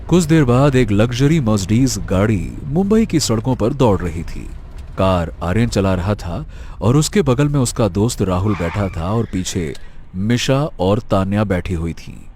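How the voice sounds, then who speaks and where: A man telling a scripted horror story in a measured storytelling manner. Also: on the low side, expressive, darkish tone, a little hiss or hum.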